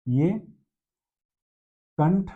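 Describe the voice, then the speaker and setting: Male teacher, patient step-by-step explainer, raised pitch, muffled lo-fi recording. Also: drawn-out words. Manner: explains step by step, asks and answers own questions. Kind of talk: grammar lesson. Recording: dull lo-fi sound.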